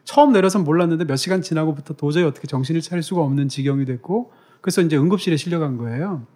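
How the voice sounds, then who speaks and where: A man co-hosting a book talk show, telling travel anecdotes in a lively way with frequent chuckles. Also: on the high side, very fast. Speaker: podcast co-host and author. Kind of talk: casual talk-show chat.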